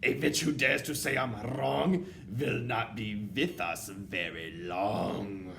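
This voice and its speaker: A man's voice: mid-range voice, fairly even intonation, slow pace, gravelly, a bit bright, slight background noise, voice pushed up. A man voicing a tyrannical, furious female leader of witches in a storybook, shrieking commands and rhetorical questions. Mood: cold fury. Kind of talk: children's storybook read-aloud.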